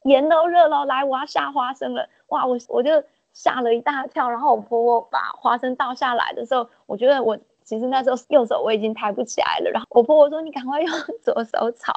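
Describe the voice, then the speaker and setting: A woman, being interviewed and telling lively stories about her work. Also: fairly high pitch, vocal fry, dry recording. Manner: lively anecdotal storytelling, acts out quotes. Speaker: interviewee, peanut business owner. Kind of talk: interview storytelling. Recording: dull lo-fi dry recording.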